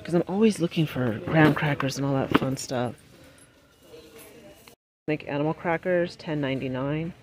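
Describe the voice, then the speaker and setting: A woman filming a casual shop-with-me vlog in a large warehouse store. She chats as she goes, reads prices aloud and drops quick excited exclamations. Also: low-pitched, background noise. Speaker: shopping vlogger. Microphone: handheld phone camera while shopping.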